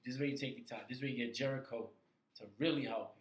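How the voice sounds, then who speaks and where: Animated man talking wrestling in an echoey room. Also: mid-range voice, rapid-fire. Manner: animated, repeats himself for emphasis. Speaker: podcast co-host. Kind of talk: casual wrestling talk.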